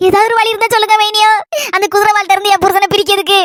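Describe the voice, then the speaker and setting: A woman acting a village woman in a comedy skit, with a Kanyakumari Tamil accent, who pleads and scolds with animated energy. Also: very high-pitched, very fast, heavy background noise. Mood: pleading. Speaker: skit actress.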